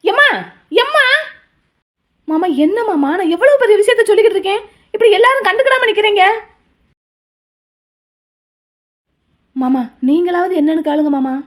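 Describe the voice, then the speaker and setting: A woman's voice: very high voice, big pitch swings, fast. Woman voicing a frantic young college guy. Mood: agitated. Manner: loud, pleading, rambling. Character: excitable young male college student.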